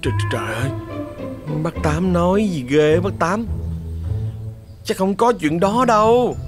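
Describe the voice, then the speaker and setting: Brief: man as shy young lad, hesitant, slow, a bit high. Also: very animated, over music. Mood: nervous. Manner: hesitant, stammering. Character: timid young village man, nervous and polite.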